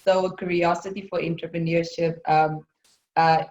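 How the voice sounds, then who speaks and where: A woman's voice: on the low side, flat delivery, normal speed, darkish tone. A woman student from Namibia, speaking thoughtfully on a video call. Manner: thoughtful, with ums. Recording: echoey muffled call audio.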